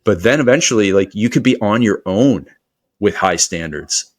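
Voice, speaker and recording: Energetic low-voiced male coaching guest. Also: normal speed. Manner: rambling, energetic motivational delivery with fillers. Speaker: performance coach, podcast guest. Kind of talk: podcast interview conversation.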